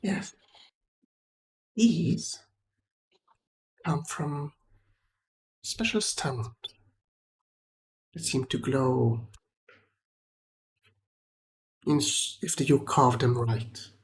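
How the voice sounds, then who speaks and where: A man voicing a cryptic male trader of glowing trinkets, speaking in a sly, secretive hush. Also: medium pitch, lively intonation, drawn-out words, pauses often.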